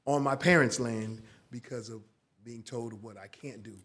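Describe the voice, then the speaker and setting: A man's voice: mid-range voice, fairly bright tone. Male, 50s, local resident giving public comment, hesitant, plain middle voice. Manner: halting, with many restarts. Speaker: resident addressing the council. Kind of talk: public comment at a city council meeting. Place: council chamber.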